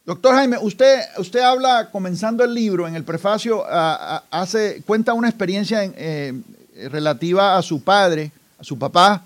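A man's voice: high-pitched, moderate pace. A man hosting an interview, reading quoted lines aloud and asking short questions. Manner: reads quotes aloud, asks short prompts. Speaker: interviewer host. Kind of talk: interview conversation.

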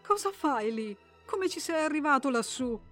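A woman voicing a terrified young mother who frantically shouts and pleads with her child. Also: high voice, lively intonation, normal speed, faint music behind, pitched above the performer's own voice. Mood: panicked pleading.

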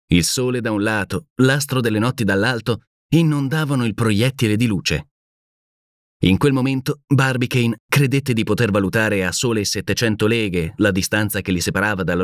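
Low-voiced man narrating an audiobook. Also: dry recording, studio quality. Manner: steady, measured. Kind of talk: scripted narration of a classic novel.

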